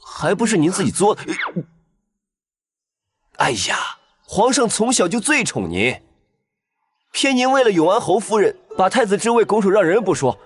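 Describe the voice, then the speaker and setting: Brief: a loyal, chiding steward, husky and lively-pitched. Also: male voice, moderate pace, pauses often, heavily acted. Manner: fussing, chiding. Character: chatty, loyal male steward.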